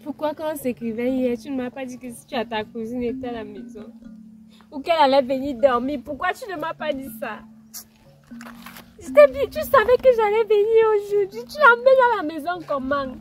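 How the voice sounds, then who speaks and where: A woman's voice: extremely high pitch, lively intonation, a little fast, hardly any pauses. A woman playing a hurt young girlfriend who reproaches her partner, with faint music underneath. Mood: reproachful. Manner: reproachful, wounded.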